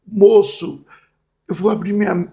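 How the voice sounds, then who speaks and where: Give me a man doing a bitter, troubled woman in her thirties, pitched up and hushed. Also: fairly even intonation, unhurried, vocal fry. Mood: retold quotes. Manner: raised, hushed pitch for quoted speech.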